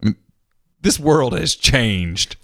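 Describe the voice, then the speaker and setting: A man's voice: medium pitch, animated, takes it slowly, vocal fry, a bit bright, no room sound. A man co-hosting a sports talk show, bantering wryly and reading listener questions aloud in a studio. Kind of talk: casual sports radio chat. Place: radio studio. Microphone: studio microphone.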